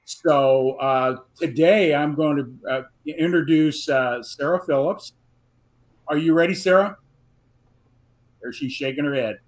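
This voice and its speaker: A man's voice: a little high, a little slow. A man hosting a live online show, introducing his guest in a loose, rambling way. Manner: rambling, many fillers and restarts. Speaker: host.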